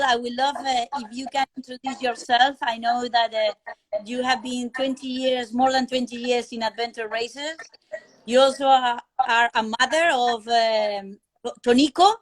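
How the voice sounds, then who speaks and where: Woman, hosting a casual live video call interview, bit halting. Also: a little high, fairly even intonation. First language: Spanish. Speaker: interview host.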